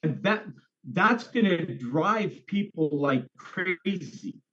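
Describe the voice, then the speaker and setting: Excited guy on a bad internet connection, kinda high voice, muffled lo-fi call audio, keeps stressing his point. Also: takes it slowly. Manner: enthusiastic, emphatic, repeats for stress. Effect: breaking-up bad internet connection. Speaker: call participant asking questions. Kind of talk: casual online group call. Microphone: computer or phone on a video call.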